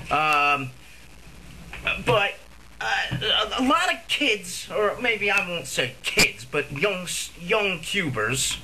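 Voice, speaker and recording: A man's voice: a little high, noisy background. A man giving a casual, rambling video review of puzzle cubes, swearing freely and getting easily worked up. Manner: rambling, profane, easily agitated, full of fillers and restarts.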